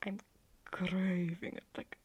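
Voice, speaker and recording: A woman's voice: fairly low pitch, little pitch movement, slow, darkish tone, husky, dull audio, voice pushed down. A young woman whispering as an affectionate, clingy girlfriend in an ASMR roleplay on a video call at night.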